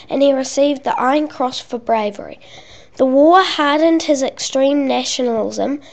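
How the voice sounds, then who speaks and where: A woman with a high, darkish voice reads scripted narration aloud for a school project, going carefully and stumbling over some words.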